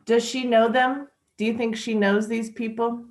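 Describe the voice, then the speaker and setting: A woman's voice: on the high side, little pitch movement, a little mellow. A woman teaching English in a patient, chatty way during an online lesson. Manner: slow, patient, chatty with light laughs. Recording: echoey room.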